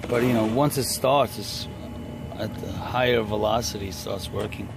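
A man's voice: on the low side, fairly even intonation, normal speed, creaky. A young man working as an HVAC technician, narrating his repair job in a blunt, profane, joking way while filming with a handheld phone on a building rooftop. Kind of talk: casual on-the-job vlog narration. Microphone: handheld phone camera. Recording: noisy rooftop with air-conditioning units. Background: air-conditioning hum and traffic.

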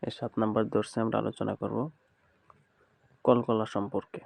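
A man with a Bangladeshi Bengali accent teaching Quran recitation in a slow recorded lesson, chanting letter sounds in rhythm and repeating drills. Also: on the low side, flat delivery, creaky, a little mellow, no room sound.

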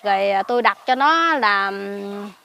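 A woman with a Southern Vietnamese Mekong Delta accent, a lay Buddhist recluse telling a story outdoors in a garden, swinging between hushed asides and excited outbursts. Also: medium pitch, a little slow, gravelly. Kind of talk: casual spoken storytelling.

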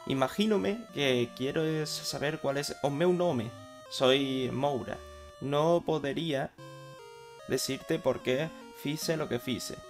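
A man's voice: medium pitch, over music, voice pushed up. A man reading the lines of a grateful young woman freed from a monster curse, in Spain Spanish with a clumsy attempt at a Galician accent. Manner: slow, flat game-dialogue reading with Galician words.

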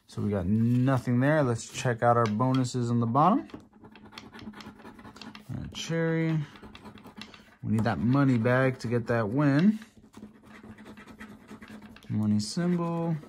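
A man hosting a casual tabletop video, giving running commentary and calling out numbers in short, clipped phrases. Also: medium pitch. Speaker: host of a scratch-off ticket video. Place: indoor tabletop in a room. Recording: steady scratching and clicking noise. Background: scratching of lottery tickets, clicks.

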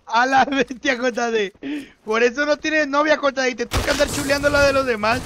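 A man's voice: very high voice, steady tone, moderate pace, fairly bright tone, a little hiss or hum. A young Mexican man streaming a shooter game, joking and teasing his teammates in slangy banter. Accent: Mexican Spanish. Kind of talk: livestream gaming chat.

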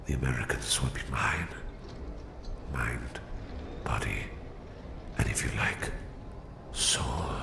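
Yuri, extremely deep whispering Russian villain. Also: male voice, exaggerated voice. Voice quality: very deep, gravelly, breathy whisper. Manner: slow, deliberate, sinister. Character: menacing Russian psychic villain, a cold, gloating captor. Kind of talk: whispered ASMR villain roleplay. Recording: roomy, echoing voice.

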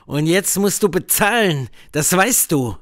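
A man reading an audiobook, voicing a bitter, vengeful grown man who accuses and threatens loudly. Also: high-pitched, animated, measured pace, no room sound, clean studio sound, pitched above the performer's own voice. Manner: loud, accusing, seething.

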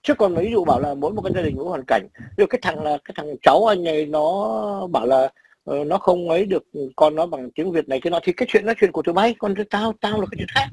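A man's voice: high-pitched, animated, fast, a little mellow, rough recording. A man in his sixties from Vietnam with a Northern Vietnamese accent, telling blunt, profane stories in casual chat. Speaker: emigrant father.

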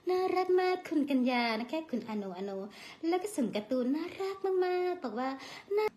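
Reading viewer comments aloud and thanking each one, this Isan-accented live streamer keeps things chatty and calls herself by her own name in the third person. Her very high voice is sing-song and darkish in tone, at a normal pace.

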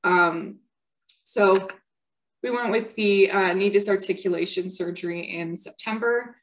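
At a patient symposium, a young woman gives a personal testimony about her own story. Her pitch is in an ordinary middle range, and she speaks earnestly, pausing on fillers and restarting sentences along the way. The recording is rough.

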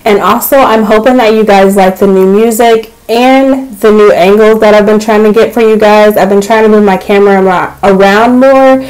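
A young woman casually narrating her home cleaning vlog in a relaxed, chatty way, with frequent filler words. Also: mid-range voice, moderate pace, few pauses, low-quality recording. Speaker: cleaning vlogger. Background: faint background music.

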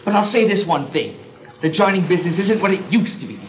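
A man playing a shabby waterfront showman who pushes his pitch with stammering salesman patter in a comedy sketch. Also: fast talker, a little hiss or hum, lightly acted. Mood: self-righteous. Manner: persistent salesman patter, stammering, keeps saying sir.

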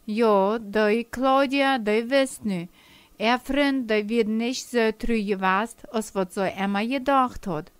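An older woman telling a children's story slowly and gently. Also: a little high, clear, resonant tone, dry recording. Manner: slow, gentle storytelling with dialect words.

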